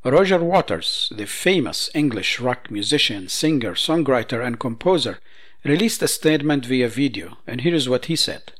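A man presents news commentary, reading statements in a measured, emphatic way. His voice sits at an ordinary middle pitch. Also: animated.

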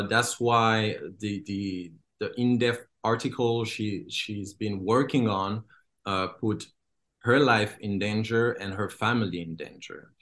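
A man's voice: fairly low pitch, fairly bright tone. Hesitant man from Congo. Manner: hesitant, many fillers and restarts. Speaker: filmmaker. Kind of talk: interview.

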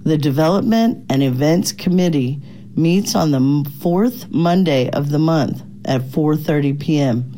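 A woman announcer reading a scripted station notice in an even, formal manner. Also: low voice, measured pace.

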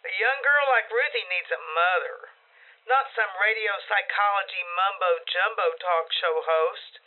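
A woman's voice: mid-range voice, measured pace, lightly acted. A woman doing a sassy, scolding neighbor on the phone. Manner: scolding, blunt. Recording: tinny phone line.

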